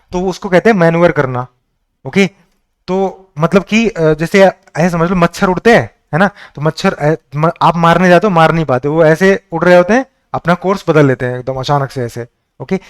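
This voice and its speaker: A man from India teaches spelling for competitive exams in a patient, explaining manner. His voice sits high for a man and sounds smooth and clear. He mixes English terms into his talk and spells words out letter by letter. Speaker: English teacher for exam prep. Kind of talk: online exam-prep lesson.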